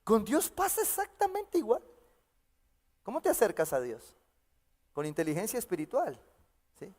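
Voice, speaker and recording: A man preaching a sermon as pastor, animated and full of rhetorical questions. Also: high-pitched, normal speed, big-room sound. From Colombia.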